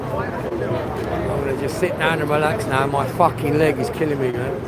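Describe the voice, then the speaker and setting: A man's voice: fairly high pitch, steady tone, moderate pace. A man streaming live outdoors, chatting casually with viewers, swearing often and greeting them by name. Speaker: livestreamer. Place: outdoors on a busy city street. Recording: loud crowd noise from the street.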